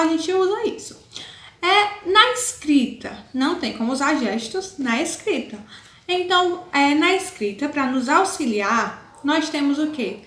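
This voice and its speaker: A woman's voice: high-pitched, a bit bright. A woman teacher with a Brazilian Portuguese accent, patiently explaining a lesson to young pupils in a recorded online class. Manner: patient, explains slowly, calls pupils "my loves". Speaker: primary school teacher. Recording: echoey room, faint background noise.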